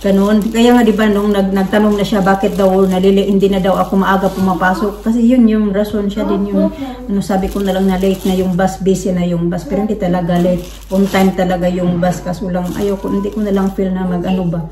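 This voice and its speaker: A woman's voice: mid-range voice, level tone, brisk, dark tone, recorded from a distance. A woman from the Philippines chatting casually to her viewers, rambling with many fillers and restarts. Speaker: vlogger. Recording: roomy, from off the mic, faint noise.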